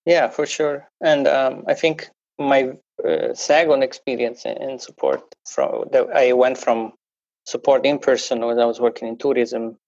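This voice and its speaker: A man with a medium-pitched, steady, slightly mellow voice speaks at a measured pace with no room sound. He is a podcast guest whose first language isn't English, and his conversational interview talk is full of restarts and fillers. The recording has a dull, dry, lo-fi quality.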